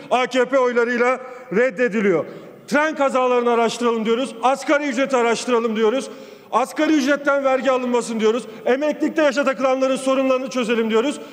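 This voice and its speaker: A man addresses a large chamber from a rostrum pulpit microphone, his voice pitched high for a man. He builds emphatic, repetitive lists with oratorical force. A long hall reverb trails each phrase. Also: brisk. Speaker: member of parliament. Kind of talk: parliamentary floor speech. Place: parliament chamber, speaking from the rostrum.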